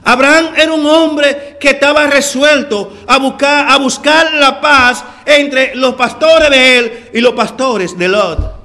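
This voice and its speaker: A man preaching a sermon with a very high, bright, ringing voice. He speaks slowly and deliberately, stretching out key words and letting phrases sink low at their ends. He calls his listeners brother. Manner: preaching with slow drawn-out emphasis and sinking phrase endings.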